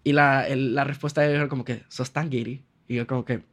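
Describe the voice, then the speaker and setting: Racing along at a medium pitch with a steady, fairly bright tone, this Honduran-accented man tells personal anecdotes casually as a podcast guest. An architect by training, he acts out dialogue and tosses in slangy remarks.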